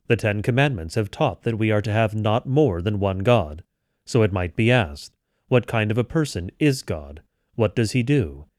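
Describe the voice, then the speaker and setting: A man reading scripture and catechism aloud in a measured, even way, as a daily devotional. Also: on the low side, no echo, studio quality. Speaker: devotional reader.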